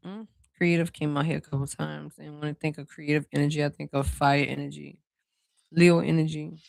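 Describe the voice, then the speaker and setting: Casting: rambling spiritual card reader with a gravelly voice, chatting to "y'all" in a dry, close room. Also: medium pitch, level tone, a little fast, a little mellow, dry recording. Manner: rambling and chatty, with many "you know" fillers; talks straight to viewers as "y'all". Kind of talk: casual spiritual card reading to viewers.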